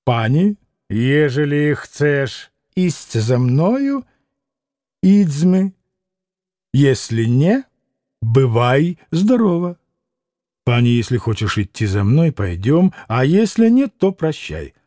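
A man putting on a pompous little gentleman. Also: medium pitch, huge pitch swings, normal speed, hardly any pauses, no room sound, clean studio sound, pitched below the performer's own voice. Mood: haughty. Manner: stiff, dignified, haughty. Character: small, pompous, offended Polish gentleman.

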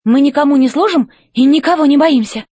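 A woman's voice: sits high, fairly quick, darkish tone, no room sound, pitched above the performer's own voice, lightly acted. A woman voicing a bold, defiant young girl who speaks firmly. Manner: firm, defiant.

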